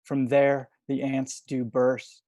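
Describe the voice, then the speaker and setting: A young man reading poetry over a video call from home, soft-spoken and hesitant between poems. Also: medium pitch, completely flat delivery, slow pace, dry recording. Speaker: poet reading at a livestream.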